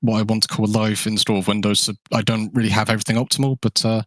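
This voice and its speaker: A man's voice: lowish voice, little pitch movement, rapid-fire, fairly bright tone, no echo. A man being interviewed after winning a race, speaking frankly and rambling off topic. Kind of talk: casual interview.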